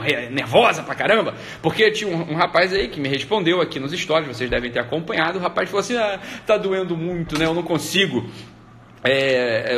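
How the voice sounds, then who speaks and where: Fast-talking man on a live stream. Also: a little high, sharp tone, slight background noise. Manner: rambling, heavy use of "né" and restarts. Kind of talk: casual live-stream monologue. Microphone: computer or phone mic on a live stream.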